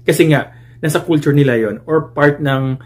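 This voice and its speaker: A man's voice: on the high side, moderate pace, a little mellow. A man in his thirties from the Philippines, a nurse, talking casually to viewers in a vlog, switching between Tagalog and English and calling out to his audience as "guys" again and again. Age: 30s.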